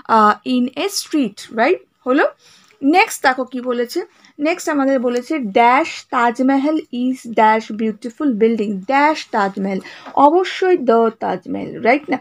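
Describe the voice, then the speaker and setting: A woman teacher with a Bengali accent patiently explains a grammar worksheet, reading examples slowly and checking "right?" after each point. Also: high-pitched. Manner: patient, checks understanding with frequent "right?" and "okay?"; reads example sentences slowly word by word.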